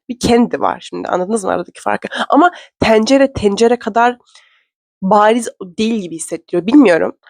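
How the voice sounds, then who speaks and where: A young woman from Turkey telling a story to camera in a chatty, fast, self-mocking way. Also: mid-range voice, dry recording. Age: young adult. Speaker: vlogger. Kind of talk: casual storytelling vlog. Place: indoor room.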